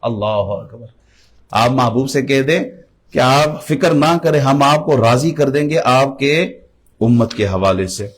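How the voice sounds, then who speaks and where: A middle-aged man preaching a sermon, impassioned, slowing and rising on key lines. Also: mid-range voice. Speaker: religious preacher.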